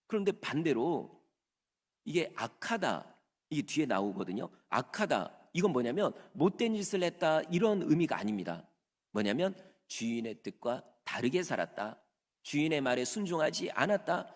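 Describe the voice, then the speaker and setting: A male pastor preaching a Sunday sermon in a church sanctuary, acting out the voices of the people in the story he tells. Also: fairly high pitch. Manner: lively preaching, acts out servants' voices in quotes. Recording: long hall reverb.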